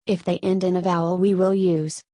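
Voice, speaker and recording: A Spanish woman, a native Spanish speaker, explaining Korean grammar in English with a Spanish accent, in steady step-by-step scripted narration. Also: lowish voice, normal speed, no room sound. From Spain. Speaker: Korean language teacher.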